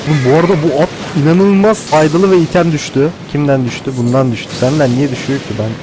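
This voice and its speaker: A man giving casual gameplay commentary, excitable and thinking out loud, with casual swearing. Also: on the high side, fast talker, noisy background. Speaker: gaming host.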